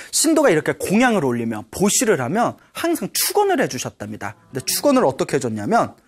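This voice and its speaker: A man monk delivers a Buddhist dharma talk in lively storytelling form. His pitch rises and falls widely as he acts out each voice. He keeps pausing to check in with listeners. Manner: frequent rhetorical "예?" checks with audience.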